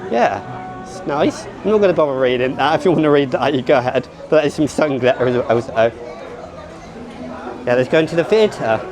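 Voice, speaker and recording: A man's voice: mid-range voice, normal speed, crowd noise, noisy background. A man giving casual, rambling vlog commentary at a theme park and then inside an exhibition. He thinks aloud, often restarts and corrects himself.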